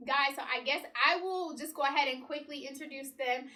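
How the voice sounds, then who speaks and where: A young woman co-hosting a casual chat, bubbly and animated. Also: high-pitched, brisk. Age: young adult. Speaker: co-host.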